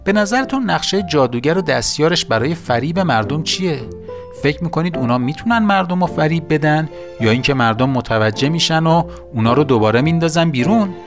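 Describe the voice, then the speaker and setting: A man narrating a children's story in a lively, repetitive storytelling way, asking the listeners questions. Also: fairly high pitch, music in the background.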